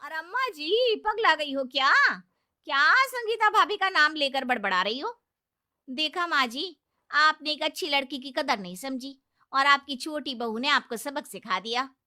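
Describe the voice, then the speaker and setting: A woman's voice: high-pitched, sing-song, takes it slowly, bright, forceful tone, pitched above the performer's own voice, heavily acted. A woman voicing a gossipy house maid who mocks the mother-in-law. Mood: mocking. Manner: teasing, mocking.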